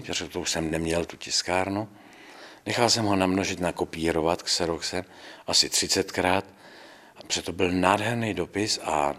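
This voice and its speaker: An older male priest tells his story with a deep, husky voice. He speaks with calm conviction, slipping into the voices of the people he quotes. It sounds like an interview. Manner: storytelling, acts out quoted dialogue. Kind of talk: recounting memories in an interview.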